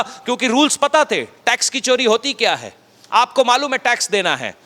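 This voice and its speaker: A man preaching a sermon as a pastor, talking conversationally and dropping his voice low to stress a point. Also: sharp tone, big-room sound. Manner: conversational preaching, acts out quotes, drops low for emphasis. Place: church hall.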